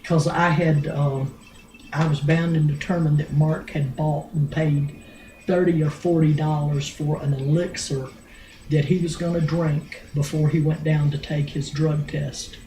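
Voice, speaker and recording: An older grandmother telling a family story in a rambling, blunt way, with many pauses and restarts. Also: low-pitched, flat delivery, mellow, a little hiss or hum. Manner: blunt, earthy, with mild swearing. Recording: roomy home recording.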